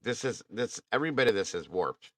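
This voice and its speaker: A man's voice: lowish voice, big pitch swings, fairly quick, dry recording. A man hosting a casual true crime talk, blunt and indignant, swearing now and then. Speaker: true crime podcast host. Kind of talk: casual chat.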